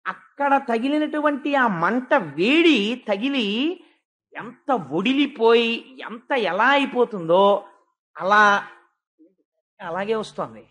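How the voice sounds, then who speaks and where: A man giving a devotional sermon, telling a sacred story and swinging from hushed tones to emphatic ones, slowing down for stress. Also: extremely high pitch, lively intonation. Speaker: devotional discourse speaker.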